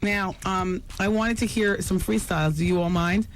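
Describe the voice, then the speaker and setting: A woman's voice: mid-range voice, moderate pace. A woman hosting a radio interview, asking teasing questions in a brassy way. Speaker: radio host.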